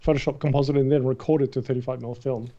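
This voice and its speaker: A middle-aged Australian man, a guest in a casual interview, telling stories in an animated way and acting out the voices of the people in them. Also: mid-range voice, quick pace. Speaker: guest, matte painter. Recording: dull, muffled recording.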